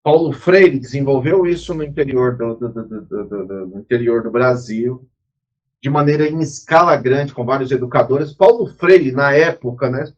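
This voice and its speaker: A man's voice: mid-range voice, moderate pace, a little mellow, lo-fi sound. A man, teaching a recorded lecture in a spontaneous, explanatory way with frequent restarts and asides.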